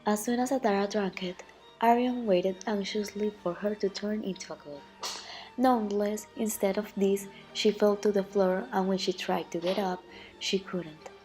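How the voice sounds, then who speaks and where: A woman's voice: medium pitch, fairly even intonation, normal speed, warm tone, soft background music, rough recording. A woman reads a scripted ancient myth as narration, in a grave storytelling manner.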